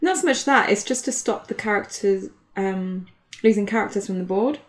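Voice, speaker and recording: A woman's voice: mid-range voice, moderate pace. A woman, giving casual, chatty commentary on a card game match and laughing often. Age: 20s.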